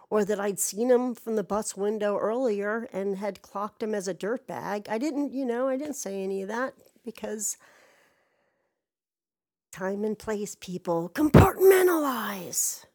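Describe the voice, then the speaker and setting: A woman's voice: mid-range voice, dark tone. A woman casually telling a personal story, rambling and exasperated, swearing freely.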